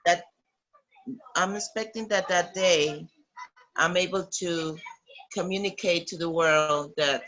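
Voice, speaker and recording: A woman from Costa Rica with a Costa Rican Spanish accent, speaking English as a guest in a remote interview, halting, with many pauses and restarts. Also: fairly low pitch, fairly bright tone, dull audio.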